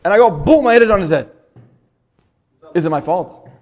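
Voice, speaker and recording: A man teaching an informal Torah class in a synagogue, animated and often repeating words as he acts out stories. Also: high-pitched, fairly quick.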